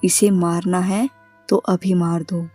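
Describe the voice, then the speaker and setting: A woman's voice: fairly low pitch, flat delivery, takes it slowly, warm tone, faint music behind. A woman voicing a ruthless female witch who speaks in cold, scornful threats in a horror storybook.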